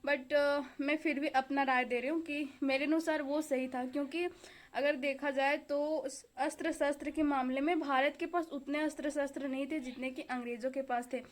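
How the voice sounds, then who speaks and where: High-voiced chatty young woman vlogging. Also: fairly even intonation, moderate pace. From India. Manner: chatty, rambling with fillers. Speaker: vlogger, exam aspirant. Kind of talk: casual vlog chat. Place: home kitchen and study table.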